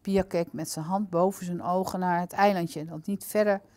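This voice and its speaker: A woman reading aloud from a children's book in a calm, clear, steady manner. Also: fairly low pitch, moderate pace, no echo. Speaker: storyteller.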